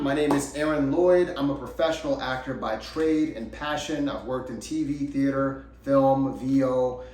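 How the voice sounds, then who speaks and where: A man who is an acting coach, giving a motivational video lesson in an emphatic style with repetitive lists. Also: medium pitch. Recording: roomy, distant mic.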